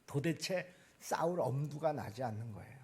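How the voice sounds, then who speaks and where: A man preaching a sermon to a church congregation, swinging between loud emphatic lines and quiet asides. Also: medium pitch, animated, normal speed, husky. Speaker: pastor. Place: church sanctuary.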